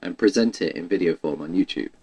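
A man's voice: low-pitched, quick pace, vocal fry, darkish tone, slightly rough, poor audio. A man chatting casually about video games, rambling and restarting his sentences with lots of "like". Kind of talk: casual chat.

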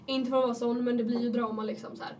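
A woman's voice: a little high, little pitch movement, darkish tone. A young woman with a cold, chatting casually and laughing through her anecdotes. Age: young adult. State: has a cold. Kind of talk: casual chat. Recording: distant mic with faint background noise.

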